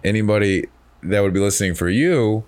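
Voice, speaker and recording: Brief: male podcast host, lower pitch, casual and rambling. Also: a little fast, darkish tone. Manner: rambling, reflective, many restarts. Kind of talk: casual chat.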